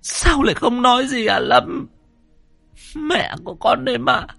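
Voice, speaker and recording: A man's voice: very high voice, animated, a little slow, creaky, bright, forceful tone, no room sound, soft background music, voice pushed up, heavily acted. A man voicing a grieving middle-aged mother who cries, stammers and pleads with her son. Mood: wailing. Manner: wailing, stammering pleas. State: crying.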